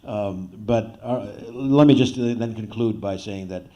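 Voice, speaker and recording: Low-voiced moderator, halting with fillers. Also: male voice, dark tone, highs cut off. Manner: halting, many uh fillers, light laughs. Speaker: panel moderator. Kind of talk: closing remarks.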